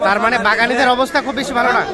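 A man's voice: very high voice, steady tone, racing. A man interviewing sellers on the spot at an outdoor market, echoing and checking their answers as a reporter. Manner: echoes answers back and checks them. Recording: busy outdoor market crowd behind.

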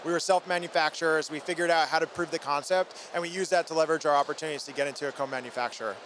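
Racing through his words, a man in his thirties answers trade show interview questions as a company founder at a busy indoor booth. He is informal and energetic with a handheld microphone, his voice on the high side, steady and a bit bright, against faint convention hall noise.

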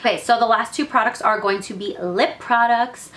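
A woman's voice: fairly high pitch, moderate pace, fairly bright tone. Young woman doing a beauty vlog, super chatty and gushy, lots of like and girl. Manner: chatty, filler-heavy, says "girl" and "like" a lot; enthusiastic, gushing about products. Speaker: beauty vlogger. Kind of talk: casual monthly favorites vlog.

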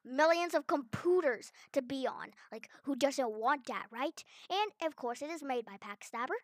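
A woman hosting a gameplay video, chatty and excitable, talking to herself as she explores. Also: high-pitched, normal speed, no echo. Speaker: gaming video host. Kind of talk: playful gameplay commentary.

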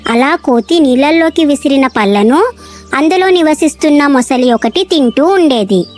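A woman narrating a children's cartoon story in a bright storytelling way. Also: sits high, lively intonation, moderate pace, soft background music.

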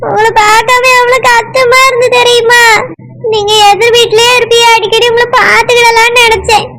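A woman's voice: little pitch movement, brisk. A woman voicing a tearful, lonely older village woman in a cartoon, pleading, with a Tirunelveli Tamil accent. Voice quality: very high, squeaky cartoon voice. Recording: clear background noise.

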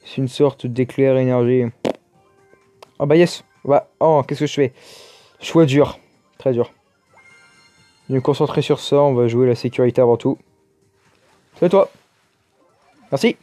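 A man's voice: medium pitch, measured pace, pauses often, dark tone, no echo, faint music behind. A man giving casual, chatty commentary over his own gameplay, exclaiming and muttering to himself as he plays. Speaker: gaming YouTuber.

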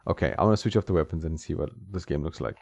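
Playing an old fighting game at home, this gaming channel host talks at a racing pace in a very deep, gravelly voice that is darkish and slightly rough. He chats and laughs at the screen, and the sound is dry and a bit dull, with no room sound and game music in the background.

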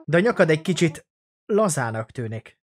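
A man's voice: fairly high pitch, big pitch swings. Man voicing Ron, a chatty doll. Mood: friendly. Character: friendly talking male doll toy.

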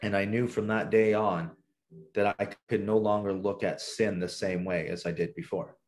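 A man with a low, deep voice, from southern Ontario in Canada, gives his personal testimony as a guest on a podcast. He tells his story in an earnest, reflective way. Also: steady tone, moderate pace, darkish tone.

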